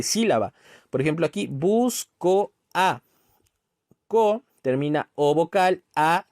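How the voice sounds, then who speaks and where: A man from Mexico teaching an online exam-prep lesson, explaining step by step, spelling out syllables slowly and checking in with "¿ok?". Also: on the high side, darkish tone.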